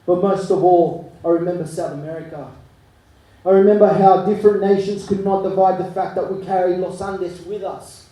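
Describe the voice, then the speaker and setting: Man, spoken word poet, high voice, dark mellow tone, heard from a distance. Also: fairly even intonation, moderate pace. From Chile. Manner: rhythmic rhyming delivery swinging between hushed and forceful. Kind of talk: live spoken word poetry. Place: live arts venue. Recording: echoey room, mic from far off.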